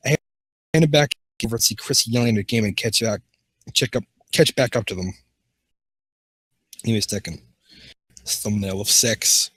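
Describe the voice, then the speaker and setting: A man's voice: medium pitch, a little fast, long pauses, breathy edge, no room sound. A man hosting a comedy show, reading fan fiction aloud and often tripping over words and restarting.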